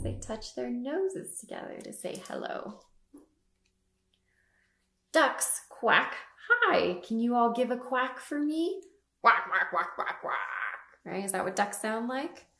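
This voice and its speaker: Reading picture books aloud to toddlers, a young adult storytime host asks simple questions with exaggerated emphasis. Her voice is a little high, creaky and a bit bright. She is indoors in a small room at home, and the webcam audio sounds roomy.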